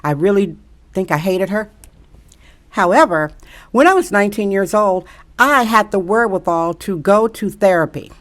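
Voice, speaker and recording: A woman's voice: medium pitch, expressive, normal speed. A middle-aged woman from Wisconsin giving an emphatic, preachy monologue to camera, repeating rhetorical questions to press her point. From Milwaukee, Wisconsin. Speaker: social media commentator.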